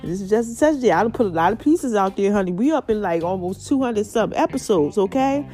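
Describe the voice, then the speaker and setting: A woman podcast host giving a casual, excited motivational monologue, with a slight lisp and mouthful-sounding speech from stitches after mouth surgery. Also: medium pitch, brisk, soft background music. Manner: excited, folksy, repeats phrases for emphasis.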